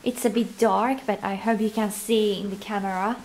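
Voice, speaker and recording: A woman's voice: mid-range voice, fairly even intonation, normal speed, darkish tone, slight background noise. A woman in her thirties from Iran, not an English speaker, giving a chatty, curious walking tour of ancient ruins outdoors into a handheld camera. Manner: chatty, curious, nonnative phrasing. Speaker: travel vlogger. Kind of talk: walking travel vlog tour. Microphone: camera held at arm's length.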